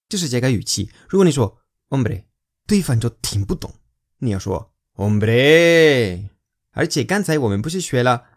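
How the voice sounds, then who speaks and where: A man gives a language lesson at an unhurried pace. His pitch swings widely as he leans hard on example words, and he repeats phrases slowly and clearly so learners can follow. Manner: exaggerated emphasis on example words. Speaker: Spanish teacher.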